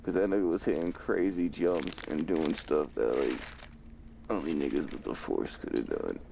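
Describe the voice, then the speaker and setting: A man's voice: extremely low pitch, moderate pace, gravelly, warm tone, slight background noise. A young man streaming a game, chatting casually in laid-back slang and laughing often. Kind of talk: casual chat while gaming.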